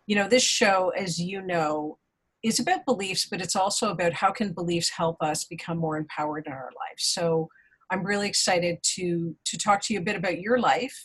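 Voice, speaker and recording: A breathy-voiced woman hosting an interview podcast. She is chatty and enthusiastic, with an easy conversational flow. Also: on the low side. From Canada. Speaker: podcast host.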